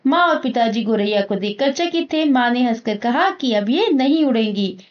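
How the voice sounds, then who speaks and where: A woman's voice: a little high, expressive, normal speed. A woman teacher reading a story aloud and explaining each passage in plain, simple terms. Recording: muffled lo-fi recording.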